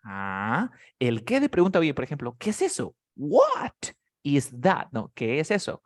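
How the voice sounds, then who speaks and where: A man's voice: mid-range voice, wildly swooping pitch, moderate pace, dry recording, studio quality. Patient man teaching English. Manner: patient, drills words and asks students by name. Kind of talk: live online class teaching beginners.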